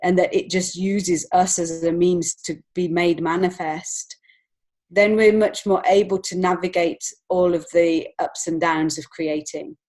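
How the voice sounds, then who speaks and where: Her voice sits lowish, with a steady, slightly slow delivery and a little mellowness. She's a woman guesting on a podcast, a children's author and illustrator, speaking earnestly and reflectively while working out each phrase in conversation.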